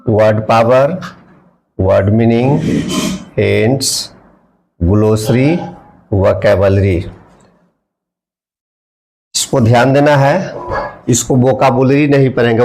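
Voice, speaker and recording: A man's voice: mid-range voice, vocal fry, darkish tone. A man teaching English vocabulary in a classroom-style lesson. He spells words out letter by letter, repeats key words and asks the viewer questions.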